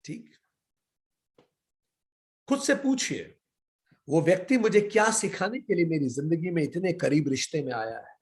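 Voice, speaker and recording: Animated man teaching yoga philosophy. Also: a little high, measured pace, long pauses. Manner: asks rhetorical questions, then answers them himself; mixes English words into Hindi. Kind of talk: spiritual lecture.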